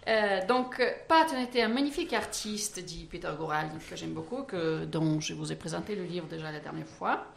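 A woman's voice: fairly low pitch, moderate pace, vocal fry, few pauses, slight background noise. Woman reading aloud in a roomy studio. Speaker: radio music columnist. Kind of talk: radio chat and reading from a book.

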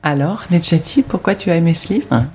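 A host introduces guests and adds short, affirming comments on a book program. The voice sits at a medium pitch. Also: lively intonation, brisk, darkish tone, a little hiss or hum. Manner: brief, affirming interjections and introductions. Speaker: radio host.

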